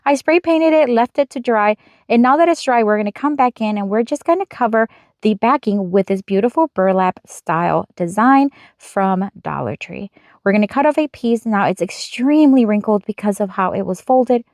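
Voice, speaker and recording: A woman's voice: mid-range voice, lively intonation, normal speed, darkish tone, no echo, studio quality. A young adult woman narrating a step-by-step craft tutorial in a chatty, upbeat voice-over. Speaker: craft channel host.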